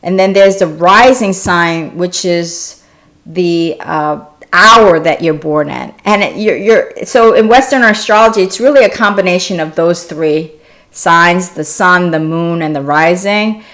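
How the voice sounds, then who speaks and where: Woman host, lowish voice, casual live-stream chat with viewers, loose and unscripted, Korean-born. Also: a little slow. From South Korea. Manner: chatty and warm-hearted, answering viewer questions with frequent restarts. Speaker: wellness channel host.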